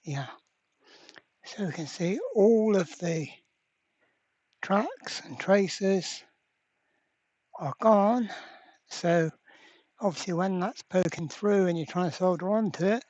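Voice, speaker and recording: A repair video presenter gives casual workbench commentary, thinking aloud hesitantly at a slow pace with frequent pauses. The medium-pitched voice is a little mellow, and the dry recording sounds dull, muffled and lo-fi.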